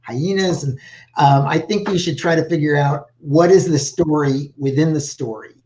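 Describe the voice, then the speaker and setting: An older man, a literary agent, giving halting, rambling feedback on a video call from a home office. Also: a little high, a little mellow, slight background noise. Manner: halting, lots of 'you know' and restarts. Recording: dull lo-fi video call audio.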